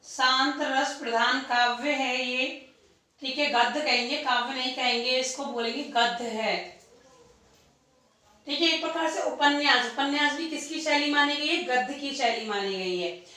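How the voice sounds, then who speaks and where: A woman's voice: high voice, a little slow, bright, forceful tone. A woman teaching an exam-prep lecture, posing questions to the class and answering them herself, repeating key points. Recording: echoey room, distant mic.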